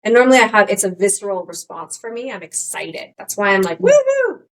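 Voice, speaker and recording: A middle-aged woman co-hosting a podcast, talking candidly in casual chat, rambling with many restarts and animated quotes of her own thoughts. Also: medium pitch, quick pace, rough recording. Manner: rambling, restarts often, animated quoting of herself. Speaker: podcast co-host.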